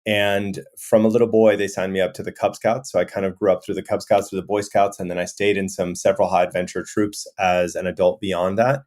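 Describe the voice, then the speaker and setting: A man from Miami with a notably deep voice talks through an interview in a relaxed, conversational way. He strings his thoughts together loosely, with plenty of "you know" fillers as he goes. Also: fairly quick, few pauses. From Miami, USA. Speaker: guest, resort owner.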